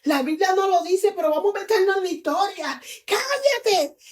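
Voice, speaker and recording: A woman's voice: very high-pitched, fairly quick, a little mellow. A woman preacher delivering a fervent sermon, telling stories and calling on her listeners to seek their miracle. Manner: fervent, storytelling preacher voicing scenes.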